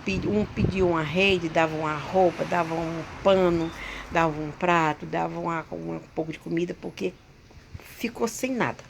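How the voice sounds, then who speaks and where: A woman, hosting her own channel and telling a personal story in a halting way, full of restarts and repeated words. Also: on the low side, gravelly, a little hiss or hum. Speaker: channel host.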